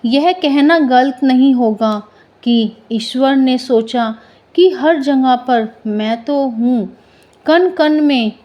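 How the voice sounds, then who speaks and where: A woman's voice: a little high, dark tone. A woman reciting a tender devotional poem and narrating a story as the host of a storytelling channel.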